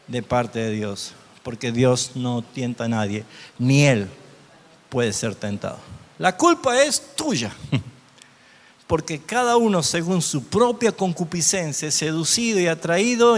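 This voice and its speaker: A man teaching a Bible class as a pastor, often asking his listeners questions. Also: a little high. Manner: asks the audience rhetorical questions. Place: church hall. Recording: long hall reverb.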